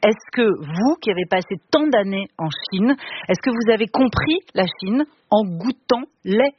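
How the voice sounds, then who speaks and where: A radio interviewer asking prepared questions in a measured way. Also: mid-range voice, animated. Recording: muffled radio broadcast with hiss.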